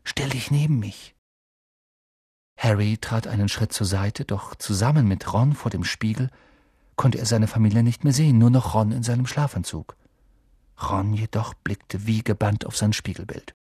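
A man narrating an audiobook in a calm, even storytelling manner. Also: fairly low pitch, normal speed, slightly rough, no echo, studio quality. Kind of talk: scripted narration.

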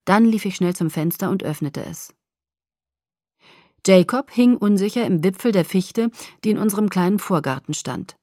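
A woman reading a novel aloud in the first person, in a soft, hushed and intimate way. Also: mid-range voice, animated, moderate pace, no echo, clean studio sound. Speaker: audiobook reader.

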